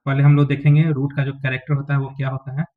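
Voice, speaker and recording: A man's voice: mid-range voice, completely flat delivery, rapid-fire. A man teaching a biology lesson, explaining diagrams step by step and often checking that his students follow. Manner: explains step by step, often checks with "ठीक है" and "समझ में आ गया?". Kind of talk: classroom lecture explaining diagrams. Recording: tinny phone-like lo-fi recording.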